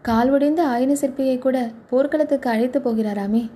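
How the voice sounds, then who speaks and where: A woman's voice: high-pitched, moderate pace, mellow, slight background noise, natural voice. Kamali, a woman voicing a cheerful young wife. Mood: coaxing. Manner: coaxing, questioning. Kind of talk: storybook reading.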